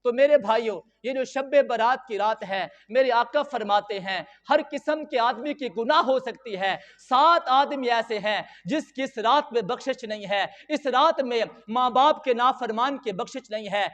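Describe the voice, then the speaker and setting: High-pitched fervent male preacher, echoing hall. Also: few pauses, fairly bright tone. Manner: fervent, rhythmic repetition of parallel phrases. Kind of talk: impassioned sermon storytelling. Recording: long hall reverb, dull lo-fi sound.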